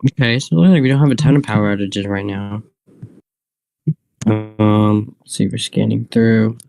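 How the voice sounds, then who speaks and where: A man hosting an unscripted live weather stream, thinking aloud in a halting, repetitive way. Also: fairly low pitch, vocal fry, mellow.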